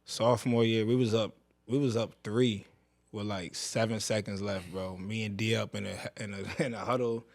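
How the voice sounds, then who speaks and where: Animated young male podcast host. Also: on the low side, moderate pace, no room sound. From Bridgeport, Connecticut, USA. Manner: animated storyteller, heavy slang, laughs often. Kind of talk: casual conversational interview.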